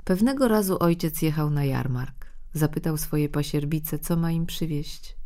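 A woman narrating a fairy tale in a soft, expressive storytelling manner. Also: deep voice, normal speed.

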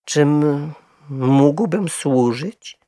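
Male reader doing a polite little storybook bear, dignified and earnest, with a gravelly grain. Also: on the high side, extremely slow, dry recording, studio quality, pitched above the performer's own voice. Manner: quiet, clear, courteous and dignified.

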